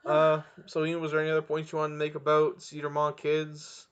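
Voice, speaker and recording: A man's voice: fairly high pitch, monotone, fairly quick, a bit bright, smooth. Brash young man steering a podcast. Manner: brash, bantering, leads the discussion. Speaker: podcast co-host. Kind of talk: casual chat. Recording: dull lo-fi sound.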